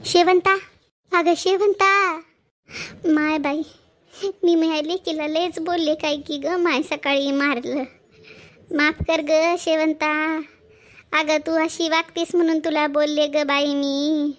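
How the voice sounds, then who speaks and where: A woman's voice: sits high, little pitch movement, takes it slowly. A woman with a Marathwada Marathi accent, talking bluntly and grumbling in a homemade village comedy drama. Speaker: storyteller playing family roles.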